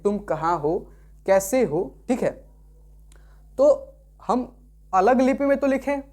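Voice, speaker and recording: A man's voice: sits high, dark tone. A male teacher gives a careful, step-by-step online lesson. He goes back over each point several times and keeps asking whether the listener follows before he moves on. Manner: repetitive, keeps checking understanding with tag questions. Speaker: Sanskrit teacher.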